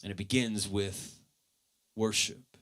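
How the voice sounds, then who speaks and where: A man preaching a sermon as pastor, earnest, with his voice swelling loud and then dropping low. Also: fairly even intonation, slow pace.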